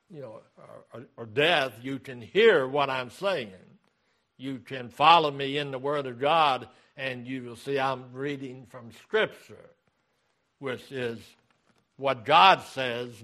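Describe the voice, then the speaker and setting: A male pastor delivering a sermon at an unhurried, measured pace, his voice sitting at an ordinary middle pitch. He reads scripture and leans on repeated phrases to drive each point home. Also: pushed and bright. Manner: deliberate preaching, repeating key phrases.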